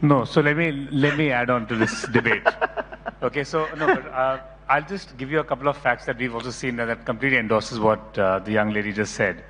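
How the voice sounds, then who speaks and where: A man's voice: mid-range voice, fairly even intonation, fairly quick, a bit bright, a little hiss or hum. A middle-aged man speaking on a panel in an emphatic, lecturing way, often checking in with "right?". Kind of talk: panel discussion. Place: conference hall. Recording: reverberant conference hall.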